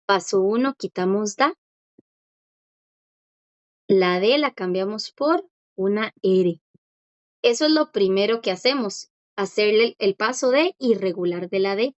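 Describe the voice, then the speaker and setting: A woman's voice: mid-range voice, measured pace, pauses often, no echo, lo-fi sound. Patient woman teaching a language lesson. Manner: patient, repeats key points and checks understanding.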